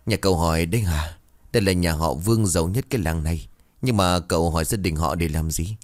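A man's voice: deep voice, brisk, no echo, lightly acted. A man voicing a chatty middle-aged village woman who gives directions helpfully.

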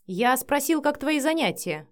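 A woman's voice: high voice, big pitch swings, unhurried, voice pushed up. A woman voicing a short-tempered adult father in an audiobook, speaking curtly and giving orders. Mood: stern. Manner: curt, commanding, flares into shouting. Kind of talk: audiobook character voice.

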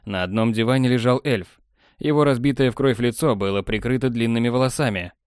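A man narrating an audiobook in an even, measured storytelling voice. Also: medium pitch, clear, resonant tone, no echo. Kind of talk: scripted narration. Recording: dry close studio sound.

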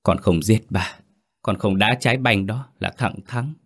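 A man's voice: on the low side, a little slow, vocal fry, husky, exaggerated voice. A man voicing the sulky, grieving ghost of a young girl in a spoken ghost story, with a sobbing, reproachful delivery. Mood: aggrieved. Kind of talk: storytelling narration.

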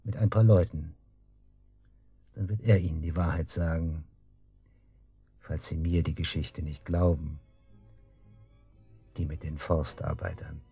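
In a German radio drama, an actor plays a smug man just released from custody, taunting with mocking casualness. His full character voice is low, creaky, husky and dark in tone, and the mood is sly and menacing.

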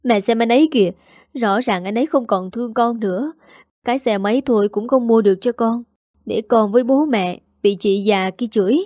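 A spoiled young sister, whining and sulking in a slightly higher voice, as a woman reading a story puts her on. The sound is mellow and close. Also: normal speed, dry recording, natural voice. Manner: whining, sulky.

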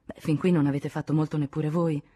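A wary, sceptical male writer, read by a woman in an audiobook, speaking in curt, dry replies. The voice is low and mellow with a husky edge. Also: level tone, quick pace.

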